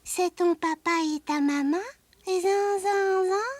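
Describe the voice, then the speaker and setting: A performer voicing a small winged, hooved creature searching for its parents, speaking in slow rhyming sing-song echoes with a Québécois accent. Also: very high voice, background noise. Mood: wistful. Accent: Québécois French.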